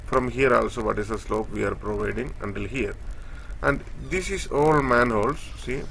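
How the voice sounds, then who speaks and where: A man giving a screen-share technical tutorial, explaining step by step in a halting way with many fillers as he points across a drawing. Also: mid-range voice, gravelly, fairly bright tone, slight background noise. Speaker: instructor.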